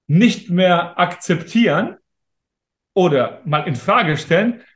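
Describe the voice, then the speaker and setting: A man's voice: high-pitched, a bit bright. A man in his thirties, an interview guest talking in a casual, emphatic and motivational way. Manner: emphatic, motivational, talks straight to listeners. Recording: roomy echo.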